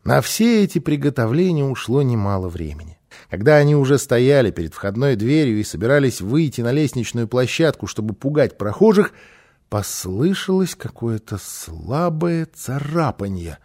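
A man reading a children's story aloud as narrator, expressive and lively in his storytelling. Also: mid-range voice, moderate pace. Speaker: audiobook narrator.

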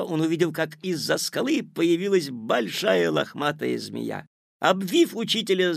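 Gravelly, expressive male audiobook narrator. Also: fairly high pitch, no echo, studio quality. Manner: expressive storytelling.

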